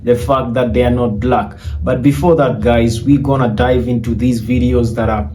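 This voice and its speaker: A male YouTube host welcomes his viewers in a casual, relaxed way. His voice is dark and mellow, with pauses for "uh." Faint noise sits behind him. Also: mid-range voice. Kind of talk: casual video intro.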